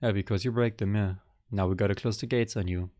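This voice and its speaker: A man's voice: lowish voice, fairly even intonation, fast talker, darkish tone, no room sound, studio quality. A young man casually reacting to an album, thinking aloud in a rambling, hesitant way. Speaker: music reaction vlogger.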